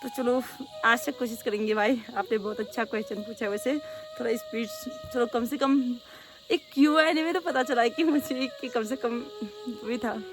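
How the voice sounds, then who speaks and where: Fast-talking young woman vlogger, high-pitched. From Pahadi hill region of North India. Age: young adult. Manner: talks very fast and rather loudly. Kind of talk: casual Q&A chat.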